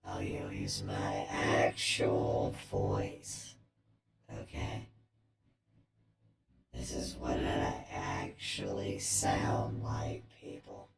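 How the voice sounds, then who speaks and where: A man's voice: a bass voice, completely flat delivery, very slow, gravelly. A man live-streaming in casual chat, speaking through a half-robotic cyborg voice filter and rambling as he trails off mid-thought. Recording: echoey, loud music behind.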